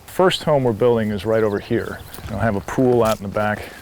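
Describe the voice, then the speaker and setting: A man's voice: on the low side, fairly quick, gravelly, darkish tone, low-quality recording. A man, a property developer, giving a casual sales tour of a site. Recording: location sound, some ambient noise.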